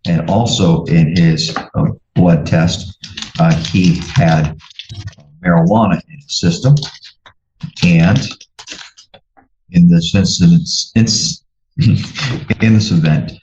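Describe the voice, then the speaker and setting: A man speaking as a judge in court, measured and procedural, pausing with fillers, heard on a courtroom recording. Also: low-pitched, a little mellow. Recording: roomy, dull courtroom recording with faint hiss.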